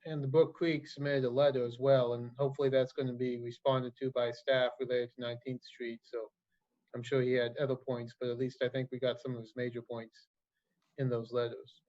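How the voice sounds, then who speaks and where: A man's voice: medium pitch, level tone, a little fast, darkish tone, dry recording. A man commissioner adding brief remarks at a city meeting, in an informal, plain way. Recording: dull remote audio.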